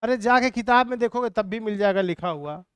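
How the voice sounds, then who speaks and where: A teacher in a live online class, leading students through call-and-response recitation and chanting lists and mnemonics slowly. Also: medium pitch, clear, resonant tone, no room sound.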